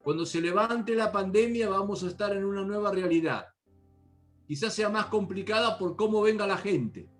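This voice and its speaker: Fervent high-voiced Argentine pastor. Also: male voice, moderate pace, soft background music. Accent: Argentine Spanish. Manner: fervent, exhorting with repeated phrases. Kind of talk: sermon.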